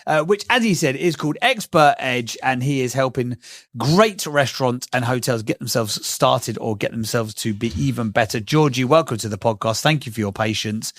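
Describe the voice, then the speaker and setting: A man's voice: medium pitch, lively intonation, normal speed, a bit bright, dry recording, clean studio sound. A man co-hosting a podcast, playful and teasing as he chats and welcomes a guest. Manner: playful, teasing, bursts into silly singing. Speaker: podcast co-host. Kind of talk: casual chat, interviewing a guest.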